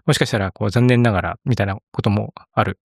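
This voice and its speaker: Middle-aged guy hosting a podcast, talks fast, dry close mic. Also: fairly low pitch, gravelly, slightly rough, no room sound. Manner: brisk, chatty announcements. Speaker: podcast host. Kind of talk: casual podcast chat.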